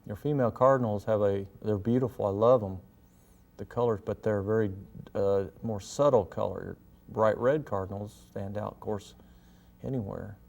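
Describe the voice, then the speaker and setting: A man giving a gentle, folksy painting lesson, talking casually and step by step as he demonstrates. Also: fairly low pitch, normal speed, vocal fry. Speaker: painting instructor and show host.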